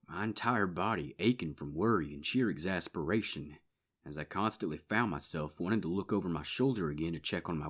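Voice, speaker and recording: Male reader, low voice, somber first-person audiobook narration. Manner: solemn, sorrowful storytelling. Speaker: fanfiction reader.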